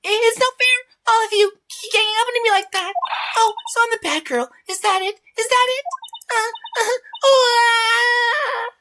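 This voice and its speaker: April May, shrill petulant young witness. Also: female voice, normal speed. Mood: whiny, furious. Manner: high-pitched, whiny, petulant. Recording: loud game music behind voice.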